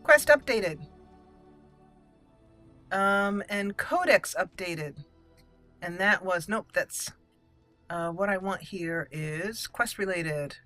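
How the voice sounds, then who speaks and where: A woman hosting a game roleplay channel gives casual let's play commentary, chatty and thinking aloud. Her voice is medium in pitch with lively intonation, slow and full of long pauses. There's no echo, and her voice sits over soft game music.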